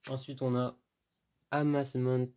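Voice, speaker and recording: A man's voice: medium pitch, flat delivery, slow, mellow. A man casually commenting on a card game unboxing, chatty and self-deprecating with frequent fillers and laughs. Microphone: camera mic, moving around.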